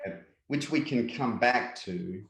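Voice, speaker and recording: A man with an Australian accent, a guest speaker talking reflectively in an interview, unhurried and full of "yeah" and "yep". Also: medium pitch, lively intonation, vocal fry, a bit bright, roomy sound, low-quality recording. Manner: unhurried, filler-heavy, repeats "yeah" and "yep". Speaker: guest speaker, workshop presenter.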